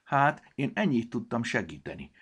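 A man voicing a caring little sun who speaks gently and soothingly. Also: medium pitch, big pitch swings, husky, voice pushed up.

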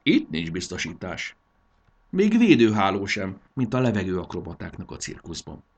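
A man's voice: low voice, husky, highs cut off. A man reading a children's adventure story aloud as the narrator, in a scripted storybook style. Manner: expressive, animated reading.

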